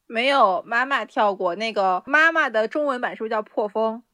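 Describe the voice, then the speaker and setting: A woman guest on a casual podcast chat, animated and quizzical as she guesses songs. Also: a little high, normal speed.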